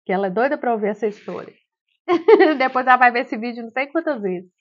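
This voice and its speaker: A young Brazilian woman vlogs to her viewers, retelling a personal story with lively exclamations. Her voice sits a little high. The recording sounds dull and lo-fi. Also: fast talker. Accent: Brazilian Portuguese. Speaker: vlogger.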